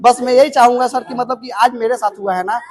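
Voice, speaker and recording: A man from Chhattisgarh, India, earnestly recounting a complaint in halting speech to a reporter. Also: very high-pitched, fairly even intonation. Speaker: patient's son. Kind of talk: interview testimony.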